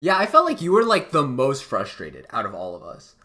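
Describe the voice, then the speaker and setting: A man co-hosting a casual podcast, playful and quick to laugh. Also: medium pitch, huge pitch swings, pushed and bright. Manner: giggly, playful teasing. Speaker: podcast co-host. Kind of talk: casual chat.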